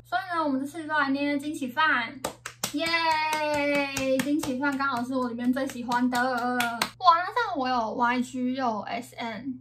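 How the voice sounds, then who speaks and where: A woman's voice: high voice, noisy background. A young woman with a Taiwanese Mandarin accent, chatting casually and playfully over a game, with a slight lisp from wearing retainers. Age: young adult. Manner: playful, expressive, self-talking. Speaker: gaming vlogger. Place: indoor room at home. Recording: slightly distant microphone.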